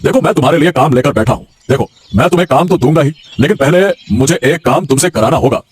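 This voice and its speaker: A man voicing a calm, scheming village patron in a cartoon, measured and pondering. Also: on the high side, husky. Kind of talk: cartoon voice acting. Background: background music.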